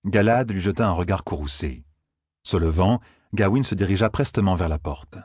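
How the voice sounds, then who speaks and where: Very deep, husky male narrator, measured audiobook reading, dry close sound. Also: lively intonation, a little mellow, no echo.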